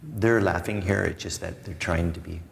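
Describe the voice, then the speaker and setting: A deep-voiced man teaches a yoga class in a studio full of students, his words trailing off into a long echo. He gives relaxed posture cues and drops playful, chatty asides along the way. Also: moderate pace, vocal fry, slight background noise. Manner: chatty, joking asides between calm cues. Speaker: yoga instructor. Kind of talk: guiding a live yoga class. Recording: long reverb in a studio room.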